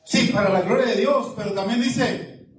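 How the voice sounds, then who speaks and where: High-voiced pastor preaching in echoey hall. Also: male voice, moderate pace, noisy background. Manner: preaching, reads scripture aloud and questions the congregation. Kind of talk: sermon. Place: church hall. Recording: echoey hall, far from the mic. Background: congregation responding.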